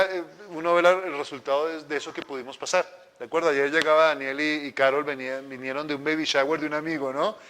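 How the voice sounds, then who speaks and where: A man's voice: fairly high pitch, a bit bright, a little hiss or hum. A male pastor, teaching a church class in a conversational way, joking and asking the audience questions. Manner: conversational, asks the audience, jokes. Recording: long hall reverb.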